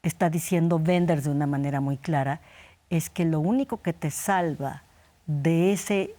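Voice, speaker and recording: Brief: woman expert guest, lowish voice, reflective, self-correcting. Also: unhurried, warm tone. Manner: thoughtful, restarts mid-sentence. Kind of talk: studio conversation on psychology.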